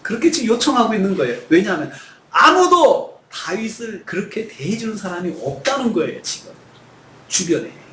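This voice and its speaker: A man's voice: high voice, sing-song, a little fast, a bit bright, reverberant, slight background noise. A man preaching a sermon as pastor, earnest and at times pleading. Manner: earnest, acts out pleading prayers with rising voice. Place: church sanctuary.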